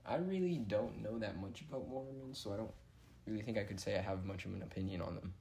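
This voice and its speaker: A teenage boy speaks hesitantly and unsure of himself, in a low, gravelly voice. A faint background ambience sits behind him. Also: fast, dark tone, slight background noise. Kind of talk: casual chat.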